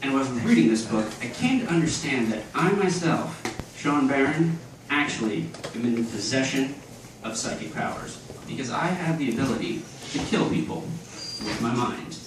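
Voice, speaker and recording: Male stand-up comic, deadpan delivery, slightly high voice, recorded from far off in a noisy club. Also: moderate pace, hardly any pauses. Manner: deadpan one-liners with chuckles. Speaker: stand-up comedian. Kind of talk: stand-up comedy set. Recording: echoey club audio from a distance. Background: audience laughter and room noise.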